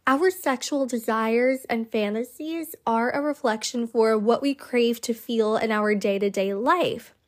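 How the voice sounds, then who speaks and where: A woman hosting a solo self-help podcast in a measured, emphatic way, her voice nasal and slightly congested from a cold. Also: fairly high pitch. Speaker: podcast host.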